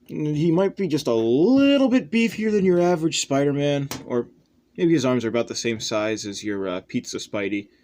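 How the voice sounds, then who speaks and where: In a rather high, animated, slightly mellow voice at normal speed, a young man who runs a toy customizing channel chats offhandedly while showcasing his latest project. He wanders from point to point and pokes fun at himself, and the homemade audio is noticeably noisy.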